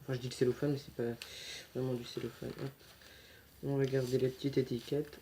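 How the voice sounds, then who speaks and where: A man's voice: medium pitch, flat delivery, brisk, warm tone, a little hiss or hum. A young man talking casually through an unboxing, chatty and self-correcting, muttering to himself as he handles things. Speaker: unboxing vlogger.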